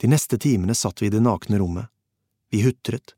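A man narrating a first-person audiobook in a steady, measured reading. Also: lowish voice, no echo, studio quality.

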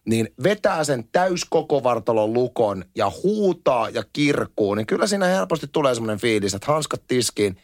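A man's voice: medium pitch, few pauses, no room sound, clean studio sound. A man in his thirties hosting a casual chat, joking and reading forum posts aloud. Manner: lively, jokey, reads forum posts aloud. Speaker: podcast host.

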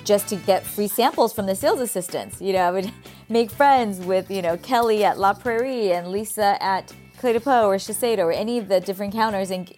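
A woman's voice: medium pitch, fairly quick, a little mellow, soft background music. A middle-aged woman with a Californian Valley girl accent, chatting casually and emphatically as an interview guest. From California, United States. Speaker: podcast guest, skincare brand founder. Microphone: video call.

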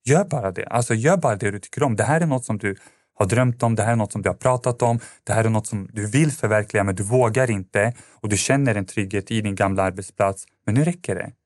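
A male podcast guest tells a personal story casually and ramblingly, full of fillers and restarts. His voice is fairly low, recorded cleanly in a studio with no echo.

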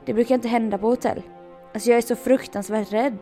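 A woman telling a story in casual chat, animated and laughing often. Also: a little high, soft background music.

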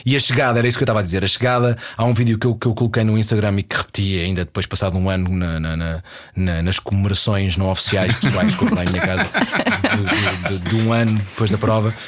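A man's voice: on the low side, fairly even intonation, quick pace. A man with a European Portuguese accent, chatting as a guest and telling a story with many restarts and dry jokes. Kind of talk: casual chat.

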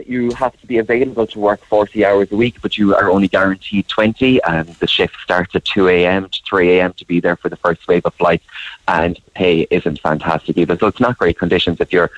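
A man's voice: deep voice, no room sound, muffled recording. A man from County Clare with a west of Ireland accent, talking conversationally as a guest on a radio phone-in. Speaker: phone-in guest, showbiz editor.

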